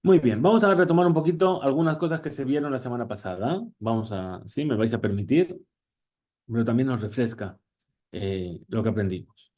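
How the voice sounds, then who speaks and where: A man, a rabbi, giving a Torah class, asking questions as he goes and quoting Hebrew phrases, often pausing to restart. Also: medium pitch, darkish tone. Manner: teaching with questions and Hebrew quotes; frequent hesitations and restarts.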